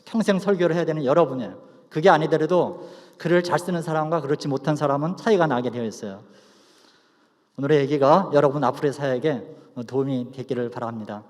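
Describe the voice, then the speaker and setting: A man's voice: a little high, fast, a little mellow. Male pastor in a reverberant chapel. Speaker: pastor, guest lecturer. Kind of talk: preaching and prayer to students. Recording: reverberant hall sound.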